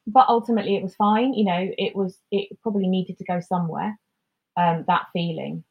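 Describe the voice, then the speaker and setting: A woman co-hosting a podcast in casual chat, talking in an animated way and acting out quotes in mock voices. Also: on the low side, fairly quick, creaky, husky, narrow, tinny audio. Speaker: podcast co-host.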